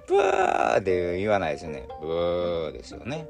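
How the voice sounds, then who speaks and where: A man's voice: low voice, sing-song, very fast. A man with a Kansai accent musing in casual talk, full of fillers, with music playing behind him. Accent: Kansai Japanese. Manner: chatty, musing, many fillers. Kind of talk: casual spoken commentary.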